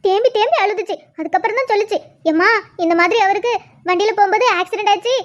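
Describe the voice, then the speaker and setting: ஒரு பெண் குரல் கொடுக்கும் அழும் கிராமத்து அம்மா. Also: female voice, very high-pitched, fast talker, highs cut off. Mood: fretful. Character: worried tearful village mother, middle-aged woman. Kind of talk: cartoon voice acting.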